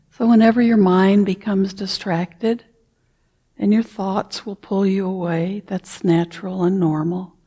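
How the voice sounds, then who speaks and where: Woman leading a meditation, slow and gentle, mellow husky voice, drifts into whispers. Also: medium pitch. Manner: slow, soft-spoken, long pauses, drops to a whisper. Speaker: meditation teacher. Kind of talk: guided meditation.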